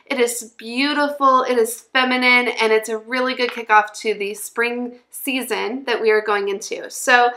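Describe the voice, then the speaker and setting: An excited woman vlogger chats casually about planning. Her voice is bright and sits a little high. She sounds upbeat as host of her own craft series. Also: normal speed, few pauses. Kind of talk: casual vlog chat, walking through craft planning.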